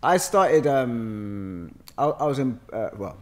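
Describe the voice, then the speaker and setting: Taking his time at a medium pitch, this London-accented actor in his thirties, from Hackney, is a podcast guest spinning jokey, slang-filled stories in a lively, casual chat. He sits in an indoor studio room with a sofa, speaking into a podcast microphone on a boom arm.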